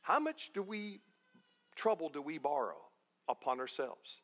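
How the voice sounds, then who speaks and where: A man's voice: fairly high pitch, animated, unhurried, fairly bright tone. A male pastor preaching a sermon in a folksy, joking way, repeating key phrases for emphasis. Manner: folksy, jokey, emphatic repetition.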